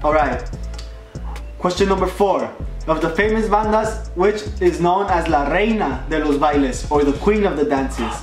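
A man's voice: a little high, normal speed. A young man hosting a casual challenge vlog, joking with a friend and reading quiz questions aloud in a bowling alley. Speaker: vlog host. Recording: roomy echo with music behind.

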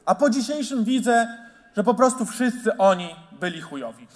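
A man delivering jokes at a stand-up roast, slowing into dry, flat asides. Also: sits high, in a large hall, noisy background. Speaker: roast comedian.

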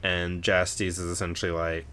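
A man with a fairly low voice talks through a book in a loose, rambling way. He swears freely and chuckles as he goes. It sounds like an easygoing chat between podcast co-hosts. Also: level tone, normal speed, bright, forceful tone, a little hiss or hum. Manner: rambling, profane, laughs while recapping. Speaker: podcast co-host. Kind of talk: casual book discussion.

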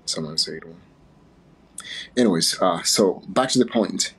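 Very deep gravelly man from Uganda. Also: a little slow, a bit bright, rough recording. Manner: playful, chatty, often laughing. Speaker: livestream host. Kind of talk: casual livestream chat.

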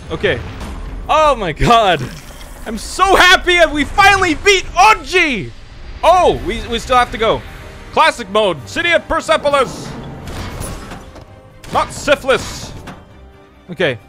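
A man with a very high, bright voice does let's play commentary, raging, shouting and cursing at the game. He talks slowly, with wide swings in pitch, and faint game music plays behind him. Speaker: gamer.

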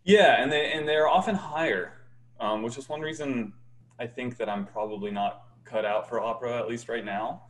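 A young adult choir bass singer, appearing as a guest in a casual video-call interview, speaks in a light, easygoing voice of medium pitch at a moderate pace. His tone swings animatedly, he laughs often and stumbles through restarts, apparently from a small room at home.

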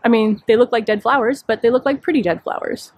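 A woman's voice: on the high side, fast, lo-fi sound. A woman giving a casual walking tour of her rooftop container garden, chatty and self-deprecating, thinking aloud as she goes, recorded outdoors on a handheld phone. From Chicago area. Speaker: garden vlogger. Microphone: handheld phone camera, speaker off screen.

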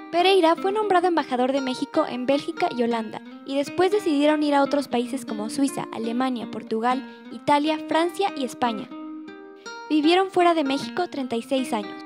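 A woman host giving scripted documentary narration in a clear, measured storytelling manner. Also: high-pitched. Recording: music bed under narration. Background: guitar music.

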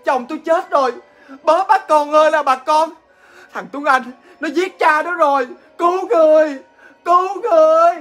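A man's voice: extremely high pitch, normal speed, fairly bright tone, soft background music, voice pushed up. A man voicing a panicked older mother screaming for help in a ghost story. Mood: frantic. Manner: shrieking, wailing.

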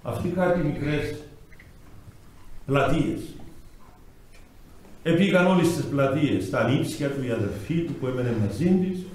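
An older man with a Cypriot Greek accent, a bishop giving a sermon, telling stories and swinging between loud and hushed. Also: mid-range voice, pauses often. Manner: storytelling, acting out quoted voices, swings from loud to hushed. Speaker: bishop preaching. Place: small chapel, heard from a distance. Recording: echoey chapel, mic far off, faint hiss.

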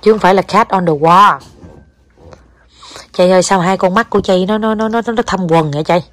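A woman's voice: mid-range voice, fast talker, a little mellow. A young Southern Vietnamese woman chatting at home in a casual family vlog, coaxing her child and talking to viewers, slipping English words in. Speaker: mother vlogging with her child. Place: home, indoors.

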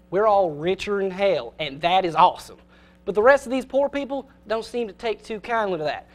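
A young man voicing a loud, blustering middle-aged football coach with a Southern accent in a comedy sketch. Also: sits high, close to an everyday voice. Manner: shouting pep-talk bluster.

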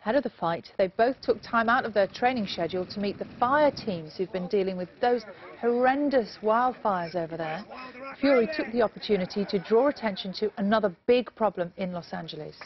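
A woman presenting a breakfast news sports bulletin in a brisk, chatty way. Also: medium pitch, animated, highs cut off. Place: TV studio.

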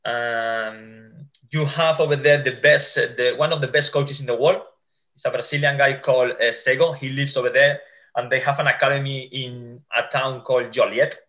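Over a video call from his home, a futsal coach from Spain, a man in his forties with a Spanish accent, responds to interview questions. He speaks at a medium pitch with a steady, fairly bright tone, hesitating often, using fillers and frequently starting his sentences over.

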